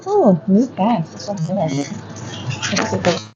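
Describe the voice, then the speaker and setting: A woman's voice: mid-range voice, big pitch swings, takes it slowly, lo-fi sound, loud music behind the voice. A woman gardening vlogger chatting casually as she walks a garden center and reads out plant prices. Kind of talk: casual shopping vlog commentary. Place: garden center of a home improvement store.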